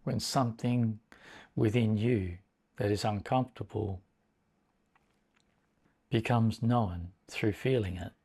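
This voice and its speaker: A man with a lowish, dark voice and a breathy edge leads a guided meditation. As the teacher, he speaks in short, deliberate phrases separated by long pauses.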